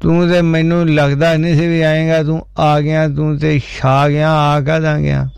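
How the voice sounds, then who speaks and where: An older man with a gravelly, creaky voice hosts a casual radio chat, telling stories in a folksy, teasing way. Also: fairly high pitch, level tone, measured pace, darkish tone, dry recording. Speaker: radio show host.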